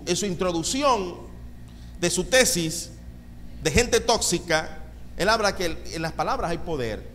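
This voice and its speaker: Animated high-voiced male pastor preaching. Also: slight background noise. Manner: animated preaching with calls of amen. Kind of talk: sermon. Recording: reverberant hall with faint ambience.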